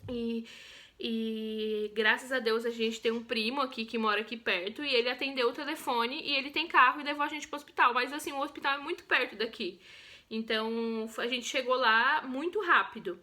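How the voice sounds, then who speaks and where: Speaking at a normal speed with a slightly high voice, a young Brazilian woman tells her own birth story. The vlog is conversational and expressive, and her accent is Brazilian Portuguese.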